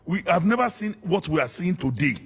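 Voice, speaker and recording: A man's voice: high voice, lively intonation, a little fast, husky. A Nigerian man arguing politics in a heated interview, fiery and preacher-like, hammering his points. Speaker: political guest.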